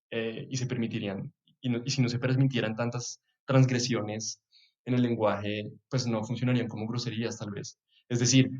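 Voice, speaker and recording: A young Colombian man from Bogotá muses aloud in a casual podcast chat, with a Bogotá accent and soft chuckles. His voice sits mid-range. The recording has a somewhat dull, lo-fi quality. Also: medium pitch. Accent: Bogotá Colombian Spanish. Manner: reflective, chuckles often, trails off with soft asides. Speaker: podcast guest.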